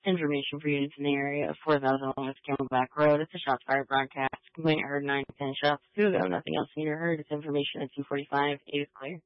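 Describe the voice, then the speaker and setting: A man's voice: on the high side, level tone, quick pace, few pauses, no room sound. A man working as a police dispatcher, reading clipped, procedural calls and radio codes over a police radio transmission. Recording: muffled radio channel.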